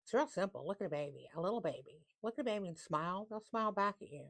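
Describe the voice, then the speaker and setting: A woman giving a casual tarot reading, reading card text slowly and repeating phrases for emphasis. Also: mid-range voice, lively intonation, creaky. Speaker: tarot reader.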